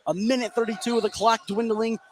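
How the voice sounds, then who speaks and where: A very high-voiced American man talks fast as he calls a basketball game live on radio, describing the action continuously. His tone barely changes, and the loud crowd noise of an indoor gym carries through the broadcast.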